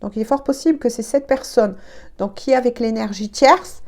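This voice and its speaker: A woman's voice: fairly high pitch, fairly quick, darkish tone. A woman giving a casual, chatty tarot reading, hesitant and congested from allergies. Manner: chatty, hesitant, peppered with "hein". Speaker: tarot card reader.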